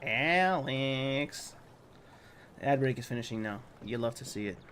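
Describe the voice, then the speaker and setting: A man's voice: medium pitch, animated, a little slow, fairly bright tone, slight background noise. A man streaming a video game, joking with chat and reading lines along, sick with a cold. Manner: jokey, chats with viewers, voices characters mockingly. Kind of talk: casual let's-play commentary.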